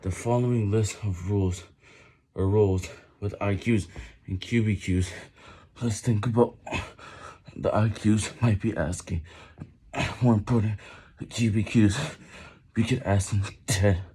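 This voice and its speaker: A man with a fairly low, soft-edged voice reads aloud from a book while doing push-ups. His delivery is very slow and halting, broken into short bursts. He often stumbles on a word and starts it again. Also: fairly even intonation, breathy edge. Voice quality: halting, broken phrasing with stumbles over words. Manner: reading while doing push-ups, with effortful stops and restarts. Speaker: reader, reading a book aloud.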